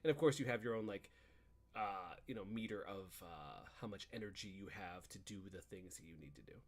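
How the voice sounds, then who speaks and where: This podcast co-host has a low voice and talks a little fast. He rambles about video games in a slangy bro style, acting out bits of dialogue as he chats.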